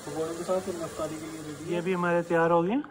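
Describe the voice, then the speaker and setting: A man's voice: fairly high pitch, little pitch movement, racing, noisy background. A man talking through a home cooking recipe step by step. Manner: plain step-by-step explaining. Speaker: cooking channel host. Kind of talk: cooking tutorial voice-over.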